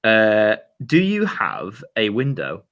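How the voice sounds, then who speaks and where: Slightly hoarse and fairly low-pitched, this young Yorkshire man speaks slowly with huge pitch swings and a bit of brightness. As a YouTube host on a casual livestream, he answers viewer questions in a chatty, relaxed way packed with fillers and slang.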